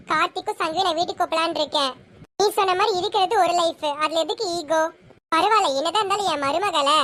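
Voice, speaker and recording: Someone doing a stern, very high-voiced Tamil mother. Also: bright, forceful tone. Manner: scolding, plain-spoken. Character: middle-aged Tamil mother, stern but forgiving. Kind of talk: home-made family serial acting.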